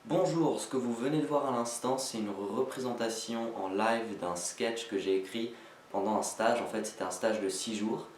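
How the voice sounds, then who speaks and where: A man with a fairly low voice chats casually to his viewers, rambling and halting as he modestly reviews himself. He sounds a bit far from the mic in an echoey room with faint noise. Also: crowd noise. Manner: rambling, self-deprecating, halting. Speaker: amateur sketch writer introducing own video. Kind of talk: casual vlog chat to viewers. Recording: echoey, slightly noisy, distant microphone.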